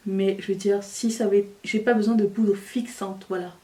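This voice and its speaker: A woman's voice: medium pitch, fairly even intonation, moderate pace, warm tone, recorded from a distance. Woman, beauty vlogger, chatty and self-mocking, roomy echo, a bit off-mic. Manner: chatty, self-mocking, talks while applying makeup. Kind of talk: casual makeup tutorial chat.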